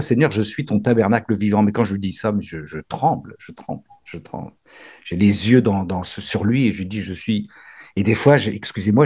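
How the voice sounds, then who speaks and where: A man leads a spiritual reading group with a husky, breathy edge to his voice. He is effusive, bursting into exclamations. His sentences often stumble and restart. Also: on the low side, a little mellow. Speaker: prayer group leader.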